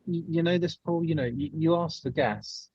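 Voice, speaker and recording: A man speaking as a guest in a casual live-stream chat, muffled as if talking through a wall, slow and halting with a deadpan manner. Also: fairly high pitch, husky, no room sound. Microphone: weak remote microphone. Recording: muffled dull mic, dry.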